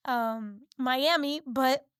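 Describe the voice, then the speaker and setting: Podcast guest: young woman from Peru and the U.S., bright high voice, loose and chatty, dry close sound. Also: extremely slow, smooth, no room sound. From Peru and the United States. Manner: chatty, heavy use of filler "like". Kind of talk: casual interview chat.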